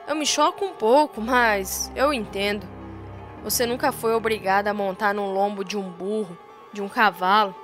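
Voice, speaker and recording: A woman voicing a proud middle-aged rancher father in a retold soap-opera scene, dropping her voice low and soft to console and brood. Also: moderate pace, faint music behind, close to an everyday voice. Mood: gentle.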